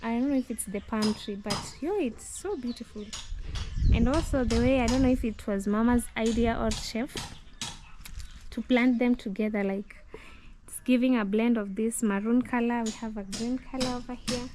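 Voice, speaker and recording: A woman's voice: on the high side, normal speed. A woman chatting casually as she walks through her garden, musing aloud and admiring the plants, recorded outdoors on a phone. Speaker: vlogger. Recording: outdoor noise, birdsong.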